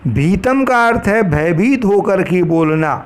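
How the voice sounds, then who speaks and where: Man, teacher, high voice, slow careful lecture, recites verses. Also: lively intonation. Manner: slow, measured explanation, recites Sanskrit verses. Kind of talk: lecture on pronunciation for trainee teachers.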